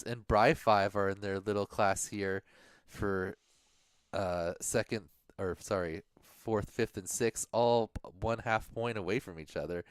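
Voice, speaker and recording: A man's voice: low-pitched, clean tone, dry recording, studio quality. A man co-hosting a livestream, casually going over race standings and thinking aloud, sometimes mumbling to himself. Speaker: livestream co-host.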